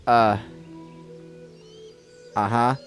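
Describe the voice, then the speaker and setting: A man's voice: mid-range voice, little pitch movement, very slow, soft background music. A man giving casual, rambling gameplay commentary, joking as he plays. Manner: rambling, jokey, often laughs. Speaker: gaming channel host.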